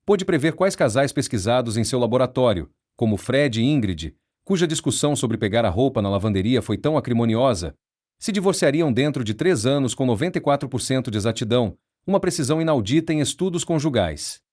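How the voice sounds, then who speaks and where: Male narrator, measured nonfiction audiobook read, medium pitch. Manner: measured, steady, explanatory.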